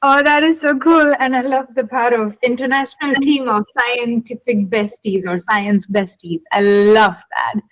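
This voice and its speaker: A woman's voice: a little high, steady tone, normal speed, hardly any pauses, no room sound, rough recording. A woman hosting a podcast interview, chatting casually and effusively, often repeating her phrases. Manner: enthusiastic, effusive, repeats herself. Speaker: podcast host.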